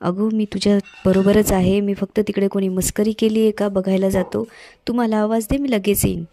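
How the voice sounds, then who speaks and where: A woman voicing a calm, caring young husband from a TV serial, read in her own plain, even voice. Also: mid-range voice, moderate pace, slight background noise, natural voice. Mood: soothing.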